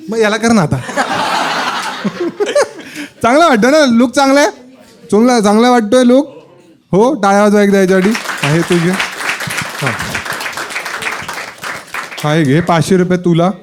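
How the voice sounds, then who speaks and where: A male stand-up comedian doing playful, teasing crowd work on stage with a handheld mic. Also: on the high side. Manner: teasing, playful, chatty with audience. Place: live comedy show with audience. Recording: live show with loud crowd laughter.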